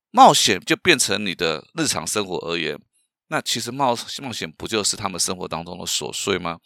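A man's voice: medium pitch, bright, forceful tone, no echo, clean studio sound. A middle-aged man from Taiwan, a professional speaker hosting his own podcast, telling stories and asking rhetorical questions with frequent fillers. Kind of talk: solo podcast talk.

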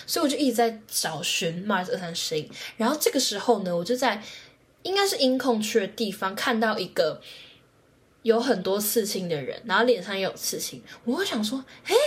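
A young woman hosting her own podcast, telling a story in a casual, animated way, her voice jumping high when she quotes her own excitement. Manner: animated, jumps to high squeals when quoting herself. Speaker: podcast host.

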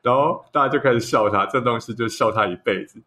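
A man's voice: mid-range voice, quick pace, bright, forceful tone. A man with a Taiwanese Mandarin accent co-hosting a podcast, telling stories in casual chat and laughing often. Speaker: podcast co-host.

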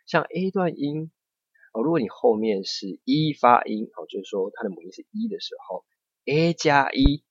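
A man's voice: a little high, sing-song, normal speed, husky, no room sound. Man, patient language teacher, dry close sound, slightly muffled lo-fi recording. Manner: patient, explains step by step with frequent checks. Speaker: Japanese teacher. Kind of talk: online language lesson.

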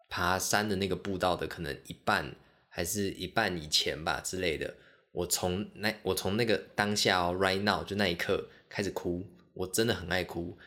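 Podcast host, male, very low voice, animated and self-mocking solo storyteller.

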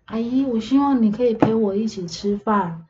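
A woman's voice: on the high side, moderate pace, highs cut off, noisy background, close to an everyday voice. A woman doing a sweet little kindergarten girl. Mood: pleading childlike. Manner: pleading, childlike.

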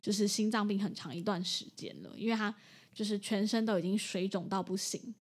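A woman's voice: medium pitch, brisk, slightly rough. A woman, a veterinary clinic assistant telling a story in a casual chat. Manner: animated storytelling.

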